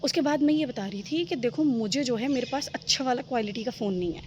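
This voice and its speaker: A woman's voice: a little high, animated, quick pace, darkish tone, slight background noise. A young woman vlogging into her phone camera on a rooftop, chatty and rambling, often giggling. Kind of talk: casual chat to camera. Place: rooftop outdoors.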